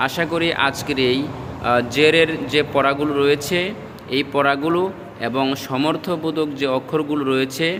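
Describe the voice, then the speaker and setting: A man leads a slow Quran pronunciation drill, chanting each letter sound and breaking in with brisk tips on tongue placement. His voice is bright and a little high. It rings with long reverb over a faint background hiss. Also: steady tone. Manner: chants syllables slowly, quick asides on tongue placement. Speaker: Quran recitation teacher.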